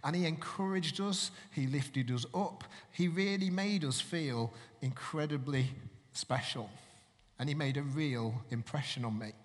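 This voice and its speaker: A man's voice: on the high side, a little slow, long reverb tail. A man from Manchester, giving a sermon in a chatty way and putting questions to the congregation. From Manchester, England. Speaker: preacher.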